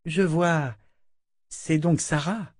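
A man voicing a gentle adult woman traveler, soft and reassuring, in an audiobook. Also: low voice, very slow, no echo, clean studio sound, pitched above the performer's own voice, exaggerated voice. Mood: soothing.

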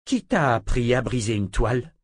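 A man's voice: medium pitch, lively intonation, normal speed, husky, no room sound, clean studio sound. A man voicing a stern, cold, commanding sister who wields magic in an audiobook.

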